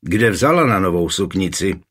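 A man's voice: low-pitched, very animated, fairly bright tone, breathy edge, full character voice. A man voicing a spoiled, lying young man pleading and accusing in a raised, whining voice.

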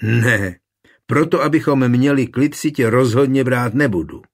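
A man's voice: medium pitch, lively intonation, pitched above the performer's own voice. Man reading blunt village husband. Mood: firm. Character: steady grown village man, blunt and warm-hearted.

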